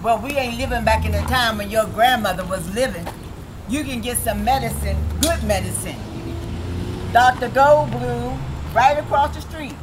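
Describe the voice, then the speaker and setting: A woman's voice: a little high, normal speed, lightly acted. An actress as a folksy, persuasive woman outdoors. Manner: folksy, persuasive line delivery. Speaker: stage actor. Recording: outdoor rehearsal with traffic noise. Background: traffic noise.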